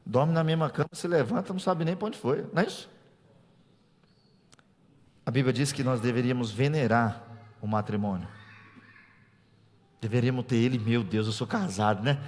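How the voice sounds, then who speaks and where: A Brazilian pastor delivers a teaching sermon in a church, his mid-range voice carrying a long hall reverb. He jokes conversationally with the congregation, then builds to loud preaching peaks, speaking animatedly at a moderate pace with long pauses and swinging from soft asides to booming climaxes.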